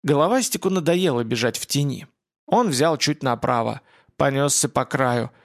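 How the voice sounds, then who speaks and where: A man narrating an audiobook in an even, measured reading style. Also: mid-range voice, creaky.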